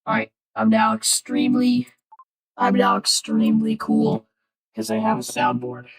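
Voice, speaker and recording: A woman streamer using a deep voice changer, casually and playfully narrating her gameplay. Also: sing-song, unhurried, gravelly, far from the mic, low-quality recording. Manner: playful, self-narrating, jokey.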